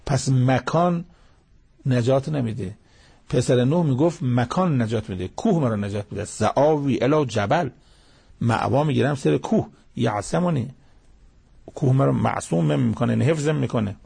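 A man's voice: medium pitch, gravelly, warm tone, slightly rough. A man preaching a sermon with Quran commentary, reciting Arabic verses and telling moral anecdotes.

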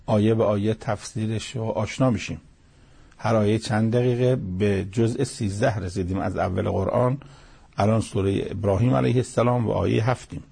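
A man explains a holy text line by line in a religious lesson. His voice is gravelly and husky. He hammers points home by repeating phrases. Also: lowish voice, dark tone. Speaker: Quran commentator.

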